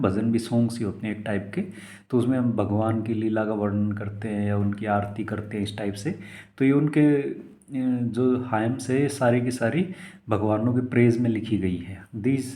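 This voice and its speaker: A middle-aged man teaches a class in a mellow, slightly low voice. He reads English textbook lines slowly and then explains them in casual Hindi mixed with English, calling his students "beta". The recording has a roomy echo around him. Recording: echoey room.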